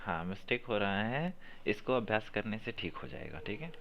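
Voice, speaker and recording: A man's voice: fairly low pitch, sing-song, moderate pace, creaky, slight background noise. Man coaching pronunciation, muffled audio. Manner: corrective, repeats phrases to stress sounds. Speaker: teacher. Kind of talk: online class on chanting and pronunciation.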